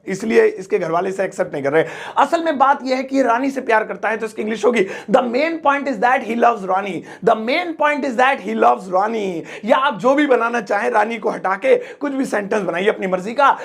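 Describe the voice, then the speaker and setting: A man teaching in a lesson, repeating each phrase slowly and switching to quick, playful everyday examples. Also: high-pitched, creaky. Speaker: English teacher. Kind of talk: spoken language lesson.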